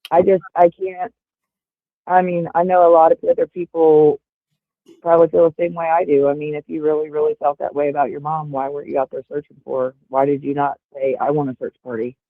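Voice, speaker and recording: Over a tinny, phone-like call line, a fortysomething woman joins a livestream as a guest, talking through earbuds in a loose, filler-heavy ramble. She speaks a little fast in a low-pitched, flat voice, and the recording is dry.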